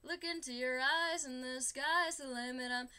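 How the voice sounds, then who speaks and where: A woman's voice: high voice, moderate pace, clear, resonant tone, soft background music. A woman singing along as a tender, lovestruck young bride. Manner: soft sung melody.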